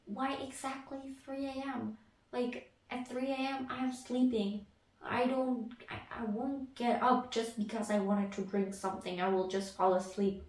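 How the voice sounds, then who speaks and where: In a relaxed get-to-know-me Q&A, a Ukrainian woman artist who vlogs speaks Ukrainian as her native language and hesitates often, using fillers and starting over. Her fairly high voice is steady and darkish, slow and halting, recorded from a distance in an echoey room.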